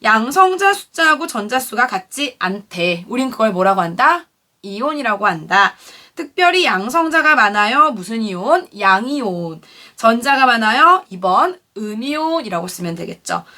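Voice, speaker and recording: A woman teaches a chemistry class in a bright, animated voice that swings up and down. She keeps asking the room questions and then answers them herself, patiently. She sounds a little off-mic, as if picked up from across a classroom. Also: a little high, normal speed, distant mic. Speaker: science teacher. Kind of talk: classroom lecture.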